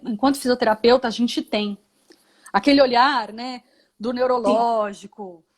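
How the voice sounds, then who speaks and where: Speaking at a normal pace in a steady, fairly high voice, this Brazilian physiotherapist and mother thoughtfully recounts her journey during a live interview. She leans on tag questions and has a Brazilian Portuguese accent.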